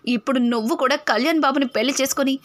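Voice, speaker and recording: A woman reading as a tearful middle-aged mother in a serial recap, high and pleading, fretting over her daughter. The voice sits high and stays close to the reader's own. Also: rapid-fire, lightly acted. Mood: worried.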